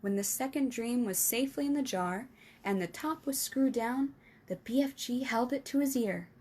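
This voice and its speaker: A woman reading a children's book aloud, telling it slowly and carefully. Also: a little high, a little mellow, breathy edge. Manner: slow, careful storytelling. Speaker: storytime reader.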